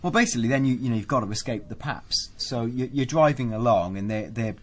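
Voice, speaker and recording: A man's voice: mid-range voice, animated, a little fast. A man co-hosting a casual podcast, describing things enthusiastically with lots of fillers. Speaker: co-host.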